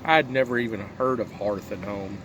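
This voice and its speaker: A man's voice: fairly low pitch, moderate pace. A man giving a casual, rambling review while puffing on a pipe, musing aloud and asking himself rhetorical questions. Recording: clear background noise, vehicle-like ambience.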